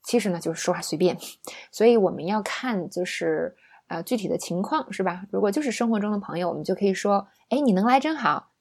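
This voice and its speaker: A woman's voice: medium pitch, fast, darkish tone, slightly rough. A young woman teaching an English lesson in a chatty, playful way, often asking her listeners rhetorical questions.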